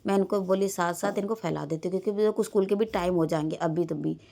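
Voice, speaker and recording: A woman's voice: on the low side, fairly even intonation, fast talker, creaky, warm tone. A woman, a mother, casually narrating her day over a home vlog and quoting her children along the way. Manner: rambling everyday storytelling, quoting her children. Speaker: vlogger and mother.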